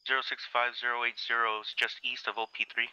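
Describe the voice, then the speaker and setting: A man's voice: mid-range voice, level tone, quick pace, sharp tone, clean tone. A man talking as a team leader over crackly military radio, in terse procedural phrases with some hesitation. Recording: muffled band-limited radio voice channel.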